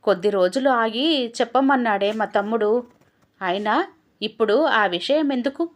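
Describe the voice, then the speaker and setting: A woman's voice: a little high, moderate pace, natural voice. A woman voicing a scheming widowed mother-in-law who talks in a wheedling, evasive way.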